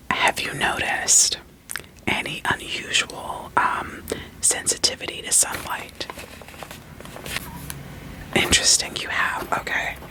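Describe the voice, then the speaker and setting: This woman whispers through a soothing ASMR therapist roleplay, playfully asking gently probing questions and repeating brief phrases. The audio quality is poor.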